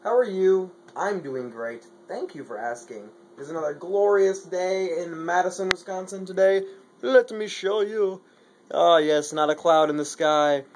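A man's voice: fairly high pitch, normal speed, few pauses, darkish tone, a little hiss or hum. Rambling young man vlogging. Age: young adult. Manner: rambling, filler-heavy, stumbles over words. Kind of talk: casual vlog. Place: Madison, Wisconsin, partly outdoors.

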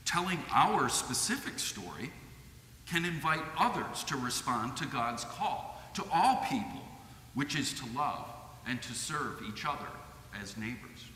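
A man's voice: medium pitch, sing-song, pushed and bright. Earnest middle-aged man preaching in a church. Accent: Midwestern American. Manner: measured, earnest delivery from a lectern. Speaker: lay preacher. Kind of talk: sermon. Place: church sanctuary with stained glass. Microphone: lectern microphone. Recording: echoey church hall.

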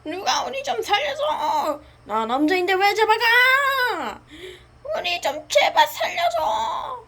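Woman doing kidnapped cartoon kid, shrill, swooping pitch, pleading, wailing. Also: big pitch swings, unhurried, pushed and bright, a little hiss or hum, heavily acted. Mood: tearful, desperate. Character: frightened kidnapped children pleading for rescue. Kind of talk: amateur cartoon story play-acting.

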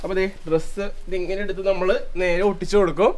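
Outdoors on the street and in a park, a young male vlogger playfully talks his viewers through making and wearing costume puppets in a casual DIY narration. His voice sits high and sounds darkish, delivered fast and flat over slight background noise.

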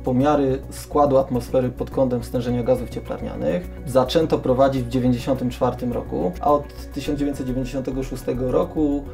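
A middle-aged man heading a weather observatory, answering interview questions in a measured, factual way with small hesitations. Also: mid-range voice, steady tone, creaky, warm tone, soft background music. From Poland. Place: small office inside a mountain observatory.

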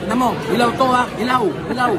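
A man's voice: extremely high pitch, fairly quick, over loud music, a loud crowd. A man talking while chewing during an eating vlog, chatting casually with his viewers. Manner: relaxed, chatty, addresses viewers. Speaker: food vlogger host.

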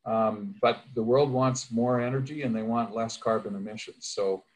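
A man in his sixties speaking on a panel over a video call from an office, deliberate and halting with repeats. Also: mid-range voice, steady tone, poor audio. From Canada. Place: office room.

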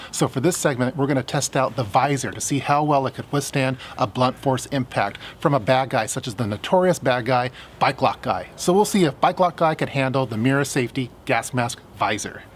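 Man reviewing gear, faint noise. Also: medium pitch. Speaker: host, product reviewer. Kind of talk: presenting a product review. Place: hedged backyard, outdoors.

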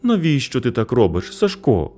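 A man voicing a quiet, sorrowful nine-year-old girl in a children's story. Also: medium pitch, huge pitch swings, moderate pace, soft background music, voice pushed up. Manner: quiet, reproachful. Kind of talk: storybook narration.

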